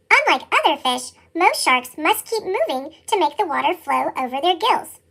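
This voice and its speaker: A storybook reader reading a nonfiction picture book aloud, with the voice sped up into a chipmunk effect and a steady, even delivery. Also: high-pitched.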